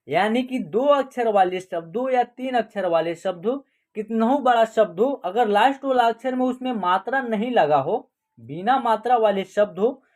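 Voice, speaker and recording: A woman's voice: on the high side, darkish tone. A woman teaching an online class, explaining step by step and asking questions that she then answers herself.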